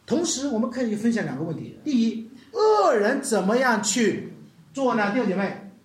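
A preacher giving an animated sermon, dropping English words into the talk and asking the congregation questions. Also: medium pitch, moderate pace. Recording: echoey hall.

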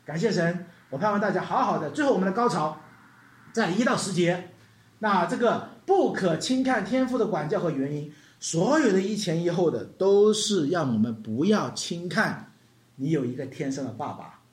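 Pastor mid-sermon in a church hall: expressive pitch swings, questions thrown at the congregation, English terms slipped in, with a roomy echo. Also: normal speed. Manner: asks the congregation rhetorical questions; mixes English terms into Chinese. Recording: echoey room.

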